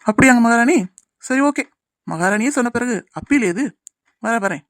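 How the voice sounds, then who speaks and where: A woman's voice: fairly high pitch, animated, moderate pace, dry recording, studio quality. A woman voicing a lovesick, gloomy young man in a cartoon, subdued and wistful. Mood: teasing. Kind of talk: cartoon voice acting.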